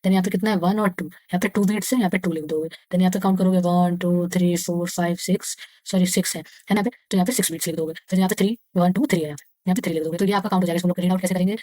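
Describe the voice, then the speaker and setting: A quick-talking Indian woman teaches a maths lesson to children, her voice sitting fairly low. She reads textbook lines slowly and then walks through each step, counting aloud. The sound is dry and close, with no room around it. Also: fairly even intonation, mellow, no echo. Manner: slow, deliberate reading of English textbook lines; explains each line again in Hindi. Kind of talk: casual lesson for young pupils.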